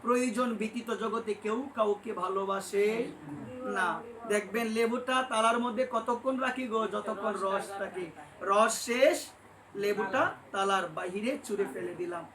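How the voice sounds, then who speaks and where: A man delivers an impassioned devotional sermon full of stories, often climbing to emphatic peaks and addressing his listeners as mother. His high-pitched voice moves a little slowly, with crowd noise and faint ambience in an echoey room.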